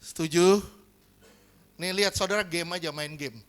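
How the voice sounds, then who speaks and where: A male pastor preaching a lively sermon, often asking the congregation whether they agree. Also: sits high, moderate pace, smooth. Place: church hall.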